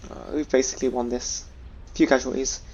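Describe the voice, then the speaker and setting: A man gives casual gameplay commentary in an even, little-varying tone. He talks quickly and mutters orders to his units, with clear game battle noise behind him. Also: medium pitch, lo-fi sound. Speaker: video game player narrating own gameplay. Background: space battle sounds and unit voices from the game.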